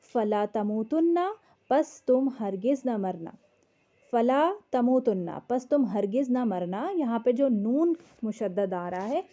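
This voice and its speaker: A woman's voice: on the high side, dark tone, dull audio. A woman, teaching a word-by-word translation lesson, patiently explaining each word and checking that her students follow.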